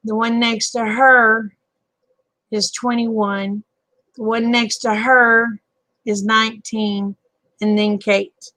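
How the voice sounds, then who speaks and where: A woman's voice: fairly high pitch, level tone, slow pace, long pauses, pushed and bright, no room sound, rough recording. A woman in her fifties, hosting a live chat stream and talking casually with viewers in a folksy, talkative way, often chuckling. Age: 50s.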